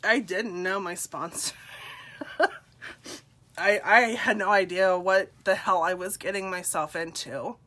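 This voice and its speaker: A woman's voice: fairly low pitch, fairly even intonation, takes it slowly, long pauses, fairly bright tone. A woman in her forties telling her personal story to the camera, candid and self-deprecating, laughing often. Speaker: nurse and direct seller.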